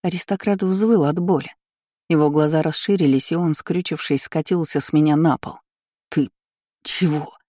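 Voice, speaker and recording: A woman narrates a novel in the first person with a mellow, dark tone. Her reading is measured and even, recorded dry and close with no echo. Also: deep voice. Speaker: audiobook reader.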